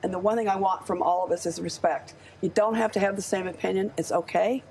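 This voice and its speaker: An American woman in her seventies speaks as a guest on live television news, and her voice carries a gravelly rasp. She talks with earnest, impassioned conviction at an ordinary middle pitch, with a faint hiss of noise underneath. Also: fairly even intonation, fast, a little mellow. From United States. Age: 70s. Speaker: studio guest.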